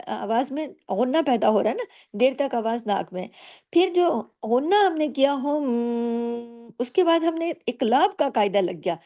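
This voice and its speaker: A woman with a high, mellow voice teaches the rules of Quran recitation in a slow tajweed lesson that proceeds step by step. She patiently explains each rule, frequently posing rhetorical questions and answering them herself.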